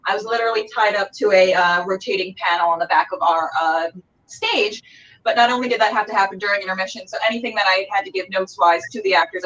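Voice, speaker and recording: A woman hosts a casual, chatty interview with a theater company over a remote video call, responding with enthusiasm and approval. Her mid-range voice is a bit bright, and the audio sounds dull and distant-miked with a little hiss or hum.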